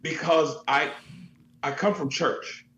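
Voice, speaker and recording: A man who works as a DJ and MC, telling stories in a relaxed, expressive way during an interview. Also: a little high, slow. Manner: easygoing, expressive, laughs while telling stories. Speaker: DJ and MC, event entertainer. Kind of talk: casual interview storytelling. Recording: echoey, dull lo-fi sound with faint hum.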